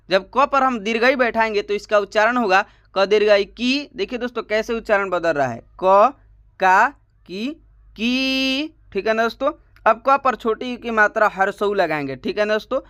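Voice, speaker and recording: A man teaching a step-by-step spoken lesson, slow and repetitive, often asking a question and then answering it himself. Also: high voice, a bit bright, no room sound, studio quality.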